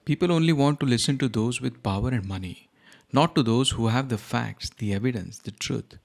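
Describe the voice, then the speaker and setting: A man playing a despairing, guilt-ridden older scientist and grandfather in an animated short, earnest and emphatic. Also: medium pitch, normal speed, creaky. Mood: bitter. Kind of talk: animated short film dialogue.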